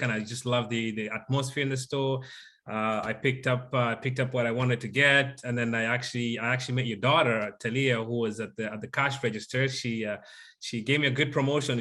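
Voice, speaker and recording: A man in his thirties, originally from Uganda, talks as an interview guest in a mid-range voice. He tells his story in a grateful, unhurried way, with many "uh" fillers along the way. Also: mid-range voice, fairly bright tone. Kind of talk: casual interview chat.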